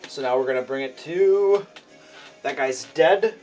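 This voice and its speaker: A man's voice: a little high, a little slow, a little mellow, faint music behind. A man acting as game master, narrating and refereeing a tabletop role-playing game in conversational speech.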